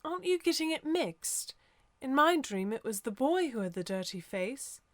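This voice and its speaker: A man reading a storybook aloud, voicing a dreamy, earnest young girl in a soft, wondering way. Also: very high-pitched, very animated, moderate pace, no room sound, pitched above the performer's own voice.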